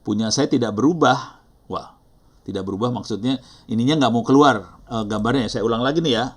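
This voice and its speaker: During a live online class, the instructor, a middle-aged man with an Indonesian accent, talks fairly quickly at medium pitch. He keeps things casual, thinking aloud and often saying sorry.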